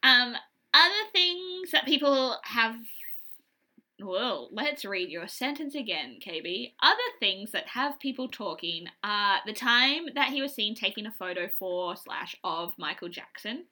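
Bright, lively woman co-hosting a podcast. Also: fairly high pitch, unhurried. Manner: chatty, rambling storyteller. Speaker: podcast co-host. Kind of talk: casual chat.

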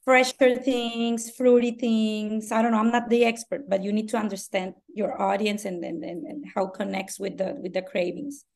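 In a casual podcast chat, a Mexican woman with Spanish as her mother tongue speaks in a mid-range, gravelly voice with a level delivery and a somewhat dark tone. Her Mexican Spanish accent comes through, and she keeps pausing to search for words.

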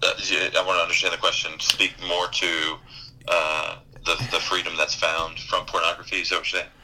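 A man's voice: low-pitched, little pitch movement, brisk, pushed and bright, rough recording. A man, a pastor guest, answering interview questions in an earnest, plainspoken way and quoting scripture.

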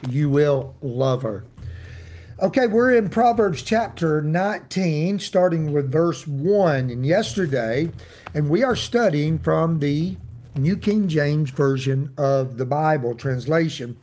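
Appalachian guy doing a casual bible devotional, kinda higher voice, real folksy and plain spoken. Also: expressive, slow pace, darkish tone. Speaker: Bible teacher and church host. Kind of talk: informal devotional talk.

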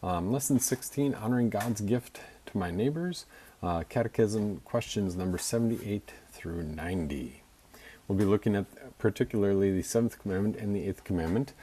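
A man's voice: lowish voice, moderate pace, warm tone, breathy edge. A man teaching a church membership class, reading scripture aloud with informal asides and fillers.

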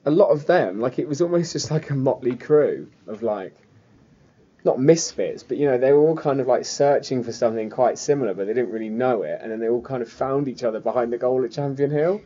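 Casual and rambling, a man hosts a football fan podcast in a mid-range voice with a dark tone, speaking a little fast. He comes from Surrey and the Cotswolds in southern England and has a Home Counties accent; the sound is slightly dull and lo-fi.

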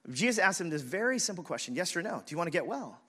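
A man preaching a sermon as pastor, conversational and animated, telling stories and speaking to the congregation. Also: a little high, fast. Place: church in a city, siren heard outside.

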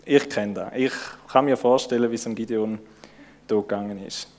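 A man's voice: on the low side, steady tone, moderate pace, a little mellow. A man with a Swiss German accent giving a casual, conversational sermon, informal and searching, with many fillers and restarts. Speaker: preacher.

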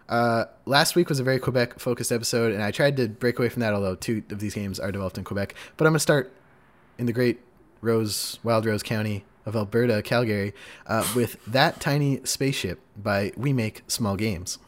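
A man's voice: fairly low pitch, a little fast. A man hosting a casual gaming podcast, chatty and upbeat, reading out segments and riffing with his co-host. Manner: upbeat, chatty, sings little jingles.

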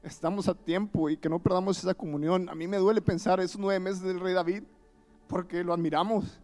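A man preaching a sermon in church, moving between loud emphasis and hushed asides. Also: high-pitched, steady tone, a little fast, faint music behind. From Mexico.

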